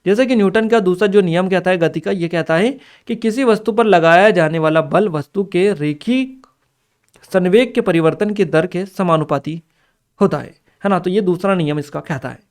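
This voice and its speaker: An exam coaching teacher with a high voice speaks at a moderate pace in an instructional review. He reads out questions and answers and repeats lists of points, adding small check-in tags.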